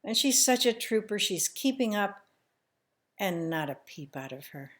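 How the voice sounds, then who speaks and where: A woman telling a family story in the first person, slow and emotional, sometimes dropping to a hushed near-whisper. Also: mid-range voice, very animated.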